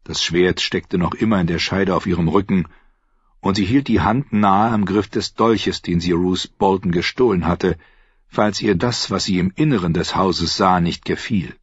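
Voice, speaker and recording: Male audiobook narrator, expressive; husky voice, dry close sound. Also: deep voice, moderate pace, dry recording, highs cut off. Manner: expressive storytelling. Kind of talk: scripted narration.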